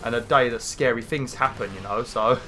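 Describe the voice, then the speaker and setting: A British man gives casual gameplay commentary in a nasal voice that sounds like his nose is pinched. His pitch sits at an ordinary middle level, and his talk is informal and rambling. Music plays behind him. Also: moderate pace, a bit bright. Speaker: gaming video host.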